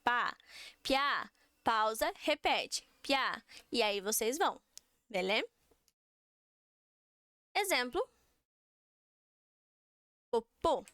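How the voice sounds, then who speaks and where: A woman's voice: a little high, big pitch swings, takes it slowly, long pauses, bright, forceful tone, clear, resonant tone, dry recording, clean studio sound. A young Brazilian woman with a Brazilian Portuguese accent, teaching a beginner language lesson and patiently repeating syllables for students to copy.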